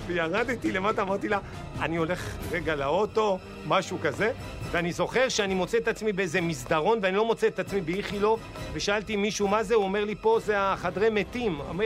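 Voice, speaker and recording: A man in his forties telling comic personal stories in an animated way, acting out the dialogue. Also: high voice, over music. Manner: animated, exclaiming, acts out dialogue. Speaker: storyteller.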